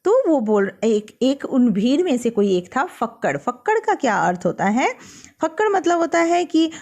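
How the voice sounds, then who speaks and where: A woman teacher explaining a poem to school students, reading its lines slowly and then explaining them in plain words. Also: sits high, very animated, darkish tone. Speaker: Hindi teacher.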